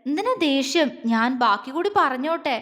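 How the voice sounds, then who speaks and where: A playful young wife, high and sing-song, coaxing her husband in an audio drama, voiced by a woman storyteller. The voice pleads like a child and rings with a long reverb. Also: animated, normal speed, a bit bright.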